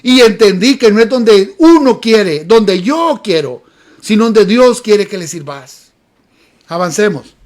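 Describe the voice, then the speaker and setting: A man preaching in a church, with an unusually high voice. He tells stories with emphasis and keeps repeating key phrases. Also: lively intonation, slow pace. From Honduras. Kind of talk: sermon. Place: church sanctuary.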